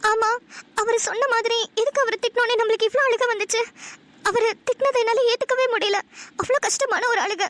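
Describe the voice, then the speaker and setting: Nila, a very high, bright sulky young wife. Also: female voice, fairly even intonation, brisk, slight background noise. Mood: musing. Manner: pouting, tearful retorts. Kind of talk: Tamil cartoon dialogue.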